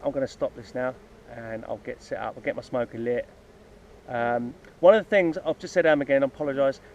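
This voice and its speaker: Faint insect buzzing and a little hiss or hum run through the dull lo-fi outdoor audio as a hobby beekeeper talks by his beehives. His mid-range, darkish voice rambles through his plans in casual, unscripted vlog style, with many ums and restarts.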